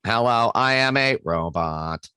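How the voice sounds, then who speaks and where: A stiff mechanical robot, as a man puts it on for a laugh, speaking slowly in clipped, deliberate words. The sound is close and dry, with almost no room in it. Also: medium pitch, expressive, bright, forceful tone, smooth, no room sound. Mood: robotic. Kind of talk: jokey podcast banter.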